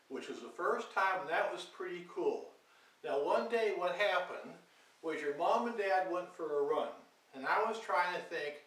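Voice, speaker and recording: An older man, a grandfather, telling his grandchildren an animated story with dramatic sound effects. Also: sits high, far from the mic. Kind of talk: family storytelling. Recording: echoey room, off-mic.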